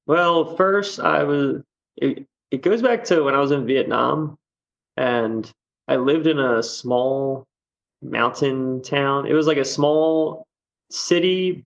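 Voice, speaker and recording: A man's voice: mid-range voice, slow pace, vocal fry, lo-fi sound. A man chatting casually as a podcast guest, rambling with many fillers and easy laughs. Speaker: guest musician. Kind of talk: casual chat.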